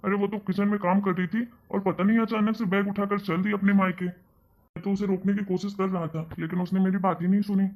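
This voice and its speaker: A man's voice: high-pitched, flat delivery, fairly quick, muffled recording. A man voicing a grumpy older father in a cartoon story, grumbling and scolding. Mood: weary. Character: grumpy older father, husband of the mother-in-law. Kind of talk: cartoon voice acting.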